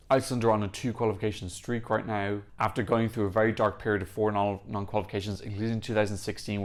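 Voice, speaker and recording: A young man hosting a music reaction channel, chatting enthusiastically and gushing in casual analysis. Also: on the low side. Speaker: Eurovision reaction channel host.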